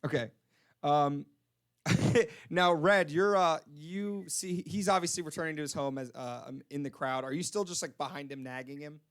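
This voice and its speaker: A man's voice: on the high side, moderate pace, smooth. A man narrating a tabletop role-playing game as game master, laughing often and talking with many fillers and restarts.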